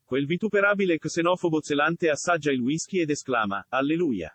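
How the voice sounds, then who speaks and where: A male text-to-speech voice reading a sample sentence in a flat, automated way. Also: a little high, brisk, no room sound. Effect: synthetic text-to-speech voice.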